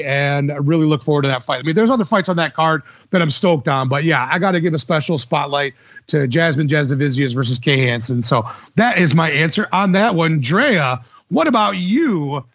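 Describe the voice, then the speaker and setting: Man, podcast host, enthusiastic slangy chat, slightly high voice, dry sound. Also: no room sound. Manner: enthusiastic, uses slang like dude and bro. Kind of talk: casual chat.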